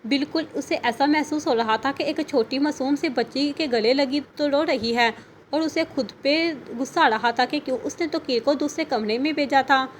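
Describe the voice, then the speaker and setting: A woman narrating an audio novel in a steady storytelling manner. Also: sits high, normal speed, a little hiss or hum.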